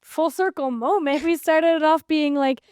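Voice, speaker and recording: A woman's voice: high voice, normal speed, a little mellow, dry recording, clean studio sound. A young woman hosting a casual podcast interview, chatty, giggly and playful. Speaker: podcast host.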